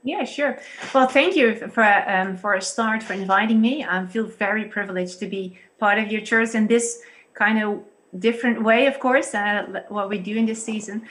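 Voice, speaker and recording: Speaking over a video call, this Dutch woman in her thirties, a pastor and psychologist from the Netherlands, explains things with care and some hesitation. Her voice sits at a medium pitch with a fairly bright tone.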